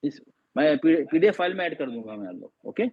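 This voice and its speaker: धीरे-धीरे समझाता, सवाल पूछता पुरुष शिक्षक. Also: male voice, a little high, sing-song, brisk, slightly rough. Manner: patient, quizzing students repeatedly. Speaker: Quran teacher. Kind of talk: online class teaching. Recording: dull lo-fi audio.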